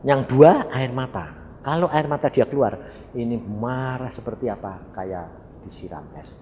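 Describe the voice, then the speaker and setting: A man's voice: medium pitch, animated, normal speed, slight background noise. A middle-aged man preaching a storytelling sermon, acting out dialogue and addressing the congregation directly. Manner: storytelling, acts out dialogue, addresses audience as brothers. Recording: dull reverberant hall recording.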